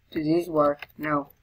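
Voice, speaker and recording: Brief: woman, low pitch, let's play commentary, chatty with sudden high squeals. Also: a little hiss or hum. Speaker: gamer.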